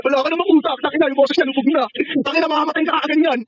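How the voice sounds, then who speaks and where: A man with a very high, fast voice taunts rival players over game voice chat, laughing and cursing between his jabs. The mocking never lets up. The sound is a little muffled, with faint noise underneath. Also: fairly even intonation. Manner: mocking and taunting, laughing often, swearing freely. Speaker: online gamer. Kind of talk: trash-talking game voice chat.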